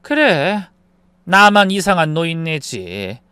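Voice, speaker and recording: A man voicing an indignant older mother-in-law in a story, protesting in sharp outbursts. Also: fairly high pitch, sing-song, slow, smooth, dry recording, heavily acted. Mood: bitter.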